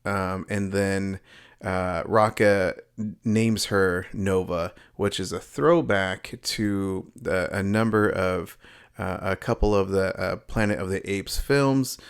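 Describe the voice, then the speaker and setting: A man hosts his own home video review channel, opening in an upbeat, excitable way before rambling casually with lots of fillers and restarts. His voice is low-pitched, slow, and clean in tone.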